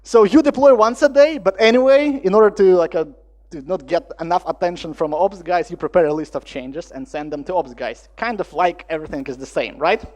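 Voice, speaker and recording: Male conference speaker, higher voice, animated storyteller. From Latvia. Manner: lively storytelling with acted-out dialogue and non-native phrasing. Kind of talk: conference talk.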